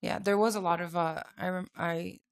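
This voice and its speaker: A woman co-hosting a podcast, telling a story with lively, emphatic reactions. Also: fairly low pitch, normal speed, smooth. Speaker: podcast co-host. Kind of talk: casual conversation.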